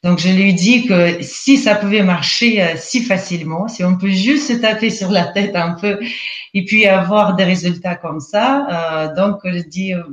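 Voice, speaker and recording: A woman's voice: medium pitch, unhurried. A woman from Russia with a Russian accent, a guest telling her story hesitantly with many fillers in a live interview. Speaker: guest, EFT practitioner. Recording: roomy, dull lo-fi sound.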